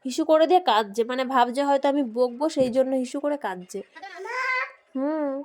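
A woman's voice: high voice, brisk, a little mellow. A woman with a Bengali accent chatting casually to viewers in a daily vlog, talking to her small child as she goes. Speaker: vlogger.

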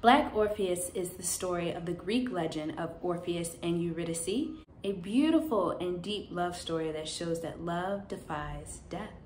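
A young woman host narrating a script in an admiring, deliberate way, facing the camera indoors. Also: lowish voice. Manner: warm, admiring, deliberate delivery. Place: indoors in front of a green backdrop. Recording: echoey room with faint noise.

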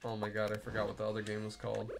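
A man's voice: lowish voice, completely flat delivery, rapid-fire, creaky, background noise. A young man live-streaming a game, chatting loosely with viewers, rambling and swearing as he plays. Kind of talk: casual live-stream chat while playing.

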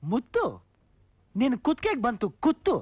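A brash mocking vigilante. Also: male voice, extremely high pitch, big pitch swings, moderate pace, slightly rough, dry recording, lo-fi sound, full character voice. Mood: menacing taunts. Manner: mocking, rhyming taunts and loud threats. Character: brash masked man posing as terrorist, threatening swindlers.

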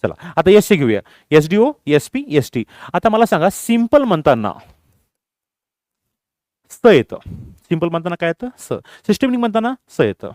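Man, English teacher, lively swinging pitch, fairly high voice, drills students with repeated questions, dry close sound. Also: moderate pace, long pauses, no echo. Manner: mixes English phrases into his explanation. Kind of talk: classroom grammar lesson.

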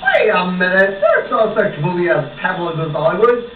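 A man voicing an old bearded wizard puppet, announcing grandly like a booming kids' puppet show opener. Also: wildly swooping pitch, fairly quick. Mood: exasperated showman. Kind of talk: amateur puppet show presenting. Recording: muffled, noisy, echoey room from far off.

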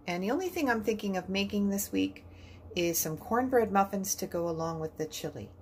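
A woman narrating a budget grocery vlog in voice-over, calmly listing each item and its price. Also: medium pitch, a little fast, a little hiss or hum. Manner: calm, list-like item-by-item rundown of prices.

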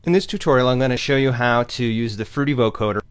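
A man with a medium-pitched voice walks through a step-by-step software tutorial at a quick pace, explaining and instructing as he goes.

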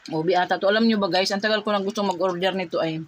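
A woman's voice: mid-range voice, steady tone, rapid-fire. Gummy-mouthed Filipino woman vlogger, noisy recording. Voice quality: speech of someone missing front teeth. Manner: talks while chewing and tasting. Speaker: vlogger hosting a mukbang. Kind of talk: casual vlog chat.

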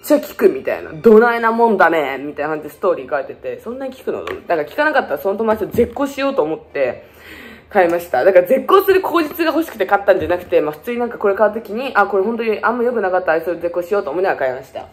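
A fast-talking young woman beauty vlogger in her 20s from Fukuoka, Japan jokes around in a casual shopping haul vlog, mocking herself and chasing playful tangents. Her voice sits on the low side and she's very animated.

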